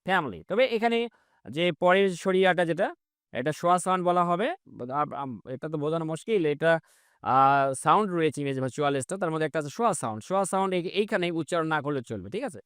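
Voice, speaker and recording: A man with a Bengali accent teaching English reading, slowly drawing out model sentences between quick explanations. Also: on the high side, animated, a bit bright, clean tone, no echo, studio quality.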